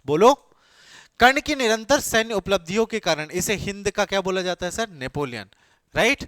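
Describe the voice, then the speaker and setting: A man's voice: high-pitched, lively intonation, normal speed, fairly bright tone, dry recording, clean studio sound. A male teacher giving an exam-coaching lecture. He keeps asking his class questions and answering them himself, mixing English terms into his talk. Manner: mixes English terms into Hindi.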